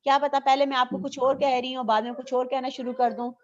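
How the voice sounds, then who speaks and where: A woman teacher gives an online lecture with a slightly high voice, asking questions and answering them herself. The audio is dull and lo-fi. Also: level tone, quick pace.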